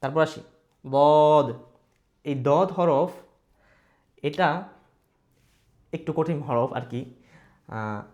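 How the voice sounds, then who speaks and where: A man teaching Quran recitation, explaining each letter patiently and sounding out letters loudly for practice. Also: mid-range voice. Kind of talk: slow explanatory lesson.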